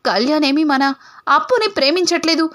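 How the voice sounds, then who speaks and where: A woman's voice: high voice, expressive, brisk, fairly bright tone. A woman voicing a stern, commanding older aunt in a retold serial.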